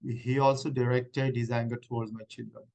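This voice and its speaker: In a mock hearing role-play, a man plays a middle-aged woman claiming refugee status, giving earnest, halting answers full of restarts. His mid-range voice stays level and sounds creaky, a little mellow, and close to everyday speech. The recording is rough.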